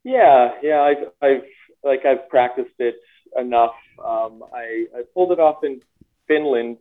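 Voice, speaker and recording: A man, a former hockey player and coach, telling stories in a casual interview, often laughing and repeating words. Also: medium pitch. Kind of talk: casual interview over a call. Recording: tinny phone-line audio.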